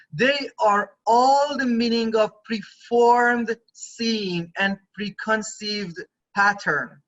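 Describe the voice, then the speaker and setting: A man's voice: sits high, bright, forceful tone. A man teaching a university photography class online, lecturing in a conversational way and often checking in with his students. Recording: dull lo-fi recording.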